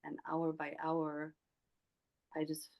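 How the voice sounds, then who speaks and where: A woman in her forties from Sweden, a Swedish speaker talking in English, shares her story softly and haltingly. Her voice sits low and level, with a gravelly edge. She takes her time, pausing and restarting often. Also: completely flat delivery, rough recording. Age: 40s. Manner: soft, hesitant, with many pauses and restarts. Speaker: guest. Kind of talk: reflective personal story.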